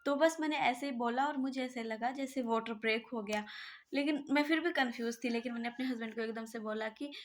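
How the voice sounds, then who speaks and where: A woman's voice: on the high side, fairly quick. A young woman vlogger telling a personal story casually, chatty and rambling with many fillers and restarts.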